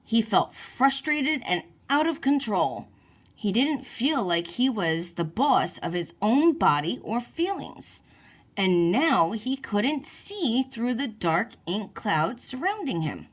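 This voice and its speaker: A woman reads a picture book aloud to young children, speaking slowly and deliberately. Her pitch rises and falls in a lively, expressive way as she narrates the story.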